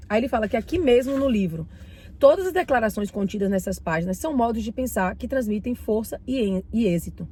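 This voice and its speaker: In a husky voice on the high side, a Bahian woman with a Bahian Brazilian Portuguese accent speaks casually to camera as host of her mindset and finance channel. Though still shaking off a cold, she's warm and chatty, reading from a book, commenting on it and talking directly to viewers.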